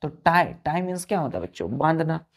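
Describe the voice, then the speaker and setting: A woman's voice: sits low, big pitch swings, a little fast. A woman teaching an English vocabulary lesson to students with an Indian accent, spelling words out letter by letter and often checking whether they follow.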